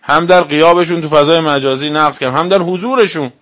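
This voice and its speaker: A man's voice: fairly high pitch, fairly bright tone. A male cleric giving a religious lecture to a live audience, arguing his point and firing off rhetorical questions. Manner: argumentative, fires rhetorical questions.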